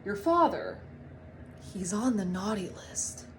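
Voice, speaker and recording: A woman voicing a kindly, reassuring Santa in a storybook, explaining things gently and softly. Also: medium pitch, big pitch swings, takes it slowly, a little hiss or hum. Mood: grave.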